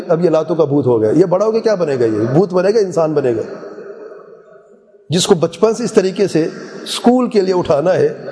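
A man preaching a sermon in an earnest way, asking the listeners questions and often dropping to a softer voice. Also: high-pitched. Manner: earnest, with rhetorical questions and sudden soft drops. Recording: reverberant hall.

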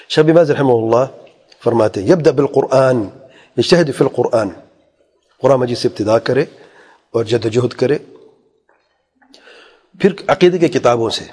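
A man's voice: medium pitch, pauses often, darkish tone, breathy edge. A man giving an earnest religious lecture as a preacher, posing rhetorical questions and quoting Arabic phrases. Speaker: Islamic preacher. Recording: long hall reverb.

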